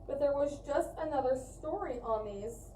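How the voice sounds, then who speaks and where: A woman with a high, dark-toned voice at normal speed co-hosts a fiber arts livestream, chatting casually and informally as she explains things to viewers. The recording has a roomy echo, a distant mic, and faint noise.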